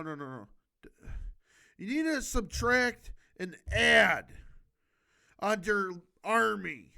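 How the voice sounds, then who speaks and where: Stumbling over words and correcting himself, a man with a slow, high-pitched, sharp-toned voice reads a book aloud as an amateur video host. His delivery is emphatic and exhorting, mixing the halting reading with casual off-the-cuff remarks.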